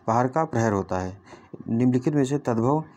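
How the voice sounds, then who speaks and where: A man tutoring through a solved exam paper, reading out each question and its answer options one by one before explaining. His pitch sits in a plain middle range. He talks in an unpolished way, with frequent false starts and quick self-corrections. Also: expressive, a little mellow, muffled recording, a little hiss or hum. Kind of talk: solving a Hindi exam paper aloud.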